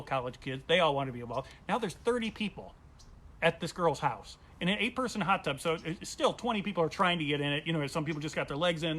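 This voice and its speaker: A male comedian telling a funny personal story at home, acting out the voices of the people in it. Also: a little high. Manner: animated, acts out quoted voices. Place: at home during quarantine.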